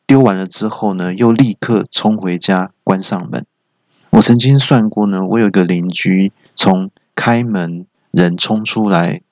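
A man hosting a solo comedy show, telling jokey stories and jumping into shouted character quotes. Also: low-pitched, dry recording. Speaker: comedy podcast host. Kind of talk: solo stand-up storytelling. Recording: dull lo-fi recording.

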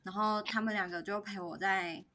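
A woman speaking Mandarin with a Taiwanese accent, gently telling a personal story in a casual podcast chat, with soft pauses and many fillers. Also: medium pitch, steady tone. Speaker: podcast co-host.

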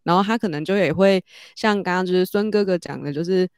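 A woman, telling a story in casual chat and growing animated as she goes. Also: fast, clean tone, no room sound, clean studio sound. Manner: animated, rises high when excited.

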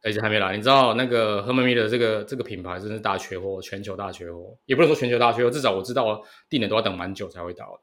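A male podcast co-host in his thirties with a Taiwanese Mandarin accent. He talks very fast in a fairly low voice, bantering casually. He repeats phrases and often tags on questions to get agreement. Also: fairly bright tone.

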